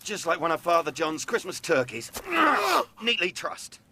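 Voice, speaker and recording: A man speaking in a brisk, commanding way to a group. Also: a little high, expressive, pushed and bright, a little hiss or hum.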